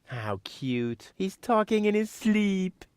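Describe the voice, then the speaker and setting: A man's voice: high-pitched, big pitch swings, slow, darkish tone, clean tone, exaggerated voice. A man voicing a cocky, reckless young inventor in a cartoon adventure game, with smug, theatrical delivery. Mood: dry. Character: cocky, reckless young male schemer, self-satisfied inventor. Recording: music behind the voice.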